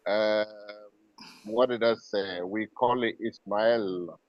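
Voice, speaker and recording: A man's voice: lowish voice, steady tone, slow pace, no room sound, lo-fi sound. A man in his forties from West Africa, a financial consultant being interviewed, speaking with many fillers and easy laughter over a video call. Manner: hesitant, filler-heavy, laughs easily. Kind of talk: remote interview.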